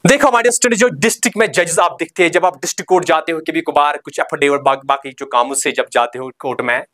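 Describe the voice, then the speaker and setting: In a recorded coaching lecture, a man with a slightly high voice drills the material steadily. He says the important terms slowly and more than once, then quizzes the class with short questions he answers on his own, constantly urging students to remember.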